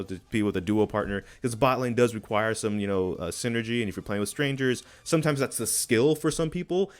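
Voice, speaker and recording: Chatty man commenting on a post. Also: on the low side. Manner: chatty and animated, stumbles and corrects himself often. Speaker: gaming video creator. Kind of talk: casual commentary reading a post aloud.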